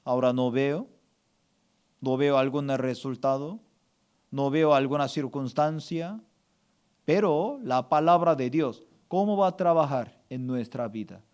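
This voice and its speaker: A man's voice: mid-range voice, unhurried, a little mellow, clean tone. A male pastor preaching a sermon with emphatic call-and-response, asking the congregation to repeat after him.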